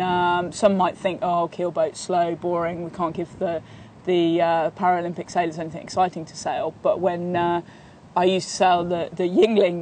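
A woman's voice: lowish voice, a little mellow, slight background noise. A woman in her thirties, a sailing coach, answering interview questions outdoors in a sunny park, talking steadily with many fillers and restarts. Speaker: sailing coach and training partner.

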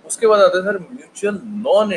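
Guy teaching a live online class, hinglish, homely examples, faint rumble behind. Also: normal speed, low-quality recording. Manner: mixes Hindi and English, homely relationship examples. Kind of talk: online lecture.

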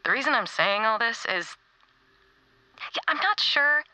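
A woman playing a tender but stubborn warrior in a video game, confiding in a heartfelt, halting way. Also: a little high, animated, pushed and bright, no room sound, heavily acted. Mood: tender, resolute. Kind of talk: video game character acting.

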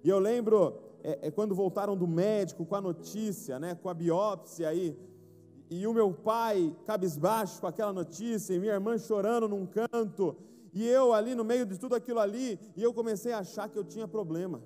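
A man's voice: high voice, normal speed, dark tone. A young man from Brazil preaching a sermon at a conference, telling stories and building to emphatic declarations. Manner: storytelling, acts out his father and himself, rising to emphatic declarations. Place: large conference hall. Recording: hall reverb with faint music.

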